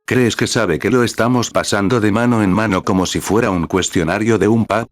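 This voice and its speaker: A man's voice: fairly low pitch, brisk, no room sound, lightly acted. A man voicing a wry, unbothered young male professor who teases dryly, in a storybook reading. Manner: dry and teasing.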